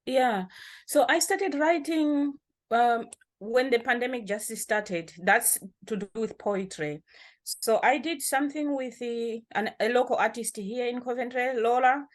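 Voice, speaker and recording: A woman's voice: fairly high pitch, measured pace. A woman from Malawi, a poet and activist, speaking as an interview guest. She talks casually, laughs often and repeats words while she gathers her thoughts.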